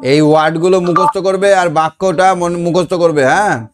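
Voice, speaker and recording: A man teaching an online class, reading sentences out deliberately and explaining them patiently. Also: high voice, fairly even intonation, over music. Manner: patient, repeats words and checks that students can hear. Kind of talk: online class revision lesson. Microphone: online class call.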